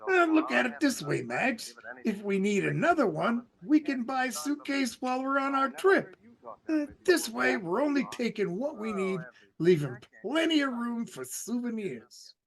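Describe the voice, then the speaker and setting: Man doing a very high, creaky comedy partner. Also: sing-song, moderate pace, a bit bright, exaggerated voice, poor audio. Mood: breezy. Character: George, chatty bickering partner in a cartoonish comedy. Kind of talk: comedic audio play acting.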